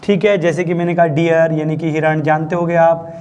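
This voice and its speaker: A man's voice: fairly high pitch, flat delivery, fairly quick, darkish tone. A man teaching English grammar in a chatty classroom style, often checking that students understood. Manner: chatty, repeatedly asks students if they understood. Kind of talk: classroom lesson, explaining.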